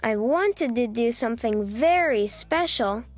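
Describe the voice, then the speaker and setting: Here a woman narrates a storybook for children as an eager, sweet little animal kid, keeping things simple, earnest and childlike. She speaks on the high side, animated yet unhurried.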